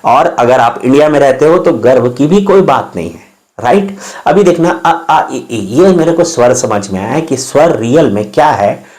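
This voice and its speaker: A man's voice: medium pitch, expressive, moderate pace, a little mellow. A man giving an informal spoken lesson, explaining as he goes, sounding out vowels and consonants one by one and often checking in with his listeners.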